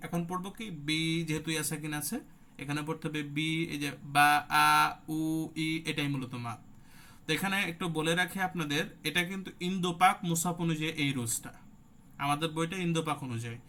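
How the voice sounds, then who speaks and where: A man's voice: fairly high pitch, a bit bright, slight background noise. A man, teaching Quran recitation rules in an online class. He explains step by step, asks questions and answers them himself, and stretches out sounds to demonstrate them.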